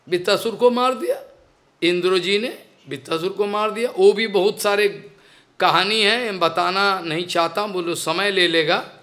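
A man's voice: high-pitched, bright, forceful tone. A man giving a devotional lecture, telling a story and explaining it step by step, repeating his phrases and slipping in English words. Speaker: spiritual teacher.

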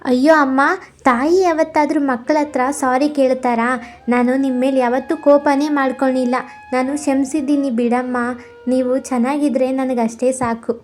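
A woman voicing a kind, forgiving young woman in a cartoon story, gentle and reassuring. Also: high-pitched, steady tone, normal speed, faint music behind, close to an everyday voice. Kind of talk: cartoon voice acting.

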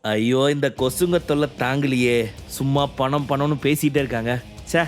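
A man's voice: mid-range voice, normal speed, faint music behind, close to an everyday voice. A man doing a cool, dismissive young guy. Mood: offhand. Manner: offhand, cool, teasing.

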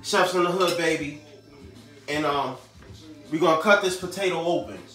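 A man's voice: fairly high pitch, moderate pace, over music. A man hosting a home cooking show, talking casually to viewers in slang while he fills potatoes. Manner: slangy, chatty, talks to viewers as he cooks.

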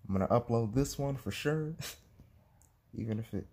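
Animated and speaking at a moderate pace, a vlogger with a mid-range, darkish male voice talks to the camera through his phone. The chat is casual and meandering, with giggles, hesitation and frequent restarts.

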